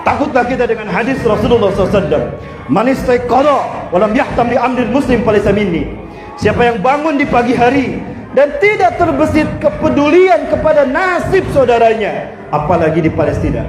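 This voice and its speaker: A man with an Indonesian accent preaching at a rally in a loud, impassioned soapbox rant. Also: very high-pitched, expressive, fairly quick, noisy background. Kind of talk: rally sermon. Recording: echoey with music behind. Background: music.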